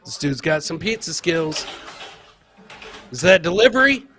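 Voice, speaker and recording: Very animated but at a measured pace, this man in his forties hosts a live comedy clip show with a bright, forceful voice on the high side. He's casual and foul-mouthed, repeats his phrases, and talks close into a boom-arm podcast mic or headset over slight background noise.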